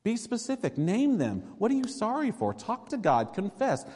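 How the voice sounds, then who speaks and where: A man's voice: high-pitched, huge pitch swings, moderate pace, darkish tone, a little hiss or hum. A man preaching a sermon as pastor, earnest and conversational, pressing points with emphatic exhortations. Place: church sanctuary. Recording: long reverb of a church sanctuary.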